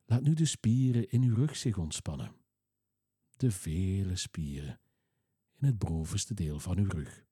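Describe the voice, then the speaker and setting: A man leads a relaxation exercise, his low voice slow and soothing. The tone is dark and very husky. The recording is close and dry, with no room sound. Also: dry recording. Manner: slow, soothing, calm instructions. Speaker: relaxation guide. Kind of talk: guided relaxation script.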